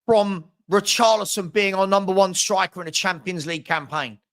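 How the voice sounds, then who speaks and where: A man's voice: sits high, moderate pace, fairly bright tone. A man hosting a fan channel, delivering an angry, exasperated rant to viewers, emphatic and repetitive, with sarcastic mimicry. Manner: exasperated, emphatic, repeats phrases. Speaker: football fan channel host.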